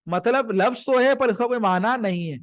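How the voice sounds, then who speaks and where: A man with a fairly high voice teaching a live grammar lesson. He explains patiently, drawing out definitions word by word and checking that his listeners follow. The sound is dry and close. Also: no room sound. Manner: slows to stress each word of definitions.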